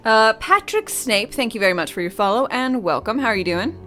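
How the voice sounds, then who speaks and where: A woman's voice: fairly high pitch, big pitch swings, a little fast. Chatty woman streaming a game. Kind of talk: casual gameplay commentary.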